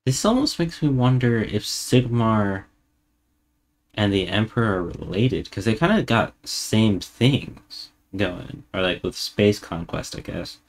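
A man's voice: fairly low pitch, lively intonation, a little slow. A man streamer giving casual reaction commentary, musing and thinking aloud as he goes. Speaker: streamer reacting to a lore video.

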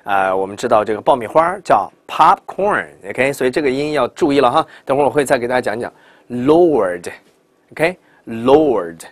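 Animated Chinese teacher drilling English vowels. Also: male voice, mid-range voice, no echo. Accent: Mandarin Chinese speaking English. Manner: animated, demonstrates sounds slowly and loudly, drills students. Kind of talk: classroom lesson.

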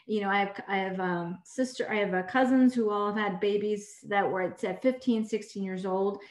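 A woman who is a clinical instructor and surgeon, talking casually and warmly to medical students on a video call, rambling and correcting herself as she goes. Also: medium pitch, steady tone, moderate pace. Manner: warm, rambling, self-correcting. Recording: echoey room on a video call.

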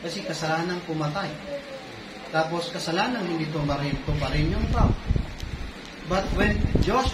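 Animated Filipino preacher in an echoey hall. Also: male voice. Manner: animated, gestures widely, rises in pitch for emphasis. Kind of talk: sermon mixing English and Tagalog. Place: small church hall with curtains, indoors. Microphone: stand mic in front, seated, filmed by far camera. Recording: echoey hall mic from a distance, loud background noise.

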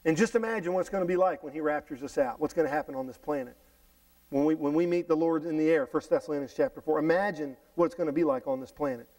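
A middle-aged man preaching a sermon in a church, reading scripture aloud and explaining it with lively restarts and repeated words. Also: on the high side, fast talker, far from the mic, rough recording. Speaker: pastor. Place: church sanctuary stage, indoors. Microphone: headset mic.

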